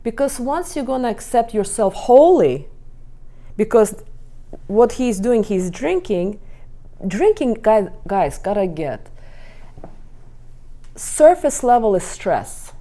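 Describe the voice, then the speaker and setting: A woman's voice: a little high, slow, long pauses. A middle-aged woman relationship coach, telling stories from her marriage to a group and acting out what was said. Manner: storytelling, animated acting out of quotes. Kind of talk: talk to a live group.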